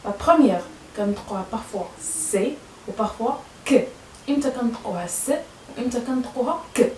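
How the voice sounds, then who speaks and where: With a Moroccan Arabic accent, a woman hesitantly teaches French pronunciation to learners, using many fillers and repeating words. Her medium-pitched voice has a dark tone, sounding a bit far from the mic in an echoey room with slight background noise.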